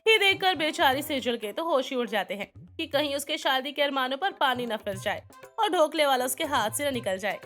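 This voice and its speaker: A woman's voice: high-pitched, expressive, brisk, fairly bright tone, soft background music. Woman narrating a bedtime story.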